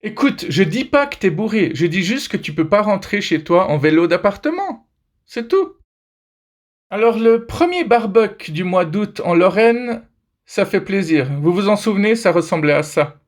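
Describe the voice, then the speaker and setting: A man's voice: high voice, animated, normal speed. A man hosting a comedy video, joking his way through pictures with playful, teasing asides to viewers.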